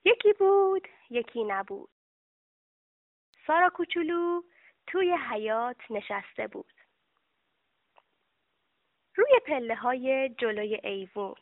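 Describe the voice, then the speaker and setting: Woman storyteller for children, animated, dry tinny recording. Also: on the high side, pauses often, no echo. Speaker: narrator. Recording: dry, tinny phone-like sound.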